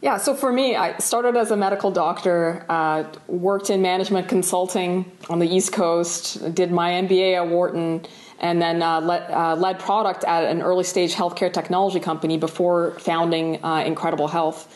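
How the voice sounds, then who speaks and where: A woman's voice: fairly low pitch, steady tone, moderate pace, darkish tone. Earnest woman founder in an echoey room. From Sudan. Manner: earnest, reflective, restarts phrases. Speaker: tech founder and CEO. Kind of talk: video-call interview answers. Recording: roomy echo.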